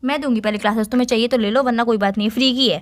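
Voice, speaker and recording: A woman's voice: on the high side, fairly even intonation, racing. A young woman teasing and lecturing her boyfriend in casual phone banter. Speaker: girlfriend on a phone call.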